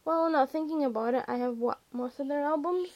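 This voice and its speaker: A woman voicing a prickly young man who answers in a loud, snippy and teasing way. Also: high-pitched, brisk, lightly acted, poor audio. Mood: defensive.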